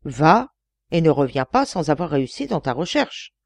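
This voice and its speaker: A woman's voice: low voice, big pitch swings, moderate pace, no echo, full character voice. Woman voicing an imperious male prime minister. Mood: commanding. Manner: imperious, urgent.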